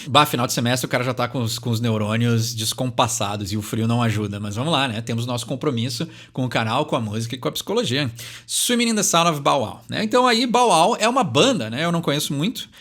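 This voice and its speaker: A man's voice: medium pitch, animated, fairly quick, a bit bright. A young man, hosting a channel and casually explaining song lyrics, thinking aloud and ending phrases with tag questions.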